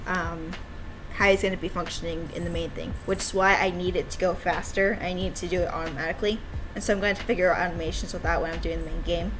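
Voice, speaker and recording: Talking fast over background noise, this woman comments on her own game during a livestream, mixing casual chat with dialogue read straight from the game. Her fairly low voice stays fairly even in intonation, though her manner is bubbly, giggly, and rambling.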